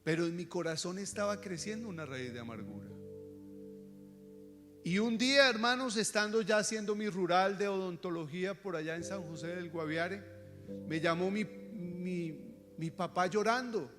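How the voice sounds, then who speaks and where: A man with a Colombian accent, a pastor telling a personal testimony in a sermon, earnest, sometimes hushed and sometimes fervent. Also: sits high, normal speed. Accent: Colombian Spanish. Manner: earnest storytelling, dropping to hushed tones and rising to fervent shouts. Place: church service. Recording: reverberant hall with music underneath. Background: instrumental music.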